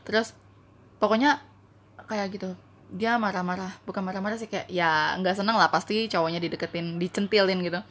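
A woman's voice: medium pitch, a little fast, a little hiss or hum. A young woman casually telling a personal story in a chatty, slangy way, acting out the people in it. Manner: chatty, slangy, animated retelling with frequent laughter.

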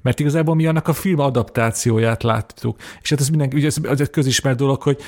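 A man's voice: mid-range voice, a little mellow. A young man co-hosting a film podcast, talking casually and often repeating words as he thinks. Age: young adult. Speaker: podcast co-host.

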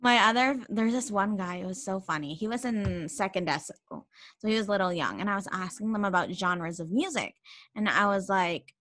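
A young woman co-hosting a casual podcast chat, telling animated teaching stories and saying "like" a lot. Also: mid-range voice, normal speed. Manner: animated storyteller, heavy use of "like". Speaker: podcast co-host, English language assistant.

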